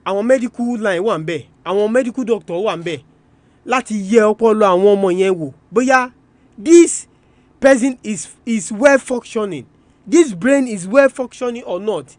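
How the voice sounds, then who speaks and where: In a dry recording, a man with a very high voice and a Nigerian Yoruba accent presents an educational radio talk. He explains in a teacherly way, drilling key terms, asking rhetorical questions and alternating between two languages.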